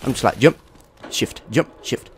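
Heavy background noise surrounds a young man, a gaming YouTuber congested with a cold, who commentates his own gameplay at a measured pace. He rambles and chats casually, swearing at opponents now and then.

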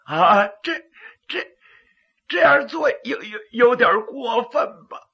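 A male storyteller voicing a greedy, cowardly, blustering county magistrate in a raspy, dramatic voice. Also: sits high, slow, dull audio, heavily acted. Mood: frightened, stammering. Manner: dramatic, stammering when frightened.

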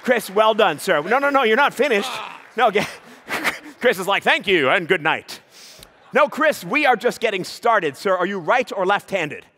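Man, comedian onstage, high lively voice, teasing banter, crowd hype. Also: normal speed, slight background noise. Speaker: comedian and juggler. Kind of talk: live stand-up juggling act with a volunteer. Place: live stage before an audience.

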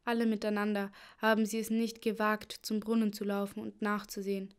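A woman's voice: mid-range voice, monotone, fairly quick, clean tone, lightly acted. A woman voicing a distressed young queen who pleads anxiously.

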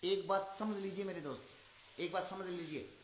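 A man's voice: high voice, steady tone, moderate pace, a bit bright, roomy sound, a little hiss or hum. A man giving a motivational talk, telling a story and repeating his points with rhetorical questions. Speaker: motivational speaker.

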